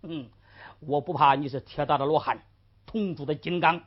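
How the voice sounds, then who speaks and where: A woman's voice: low voice, moderate pace, husky, voice pushed down. A woman storyteller voicing a cruel, haughty male magistrate who barks commands, on a lo-fi old recording. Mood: cold, commanding. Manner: barking commands, sneering. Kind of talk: traditional storytelling.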